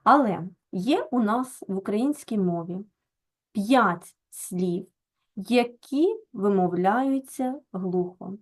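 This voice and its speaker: A woman teacher, explaining a lesson to children slowly and deliberately and repeating each example word with stress. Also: medium pitch, lively intonation.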